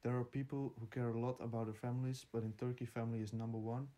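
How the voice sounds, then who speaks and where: A man's voice: mid-range voice, little pitch movement, fast, mellow. A nineteen-year-old man from the Netherlands, answering interview questions in plain, earnest sentences. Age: teens.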